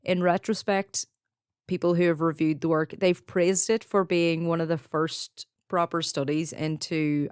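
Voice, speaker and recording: On a clean, dry studio recording, a low-voiced podcast co-host from Donegal chats casually in her Irish accent. She laughs often and fills her sentences with "like."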